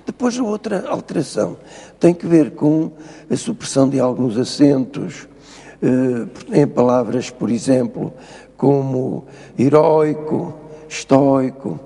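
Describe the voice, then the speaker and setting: A man's voice: medium pitch, animated, a little slow, vocal fry, dark tone, in a large hall. An older man with a European Portuguese accent, a professor explaining spelling rules in a TV interview, lecturing and insistent. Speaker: linguistics professor, guest. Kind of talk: TV studio interview.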